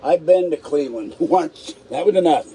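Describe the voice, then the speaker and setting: A man's voice: fairly high pitch, expressive, moderate pace, mellow, a little hiss or hum, low-quality recording. A man with a natural lisp and no upper teeth, his tongue hitting the roof of his mouth, talking bluntly and casually on a live stream. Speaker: livestream host. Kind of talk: casual live stream chat, reading aloud and commenting.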